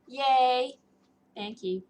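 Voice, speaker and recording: Extremely slow and sitting high, her voice has a darkish tone and a lo-fi sound. She hosts a book-reading livestream, chatting casually and gigglily with viewers in a mixed South African, British and New Zealand accent, with clearly noisy room ambience.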